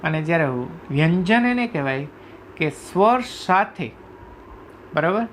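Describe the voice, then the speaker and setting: A man teaching a class, explaining sounds slowly, reciting letters one by one and often asking if students follow. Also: sits high, animated, slight background noise. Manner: repeatedly checks understanding with "right?". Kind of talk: classroom lecture explaining Sanskrit phonetics.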